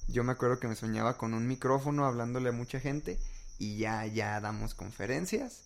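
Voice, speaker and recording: Young mexican guy just chatting, candid, tells little stories, medium pitched voice. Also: brisk, creaky. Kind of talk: casual conversation.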